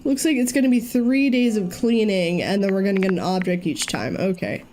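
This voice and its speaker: A woman's voice: mid-range voice, expressive, brisk, darkish tone, slight background noise. A young woman giving casual let's-play commentary, chatty and thinking aloud with frequent ums. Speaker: gaming YouTuber.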